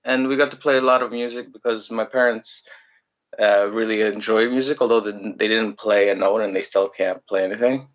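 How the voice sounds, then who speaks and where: A young man from Greece, a musician telling his story in a relaxed, rambling way in a casual interview. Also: on the low side, fairly quick, highs cut off. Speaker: musician guest.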